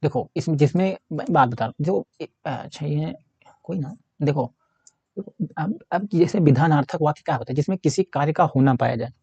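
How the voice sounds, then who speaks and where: A man with an Uttar Pradesh Hindi accent teaching a casual exam-prep grammar lesson. His voice is dark and husky, and he keeps checking in with "है ना?" as he writes on a board. The recording is close and dry, with no room sound. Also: fairly high pitch, normal speed, dry recording, dull audio. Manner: repetitive, keeps asking 'है ना'; talks while writing on a board.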